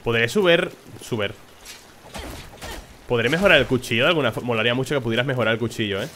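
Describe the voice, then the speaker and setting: A man's voice: medium pitch, very fast, bright, forceful tone, slight background noise. A man from giving casual, swear-filled commentary while playing a horror game. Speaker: gamer. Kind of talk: let's play commentary.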